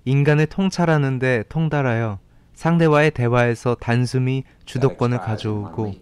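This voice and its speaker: A man's voice: medium pitch, normal speed, darkish tone. A man reading a scripted narration as a voice-over for a film ranking video. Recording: voice-over with faint background music. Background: faint music.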